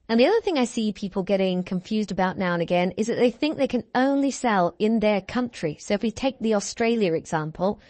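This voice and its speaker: A woman's voice: mid-range voice, a little mellow, dry recording. A woman instructor narrating a screen-share tutorial in an upbeat, reassuring way, walking through each step. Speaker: online course instructor.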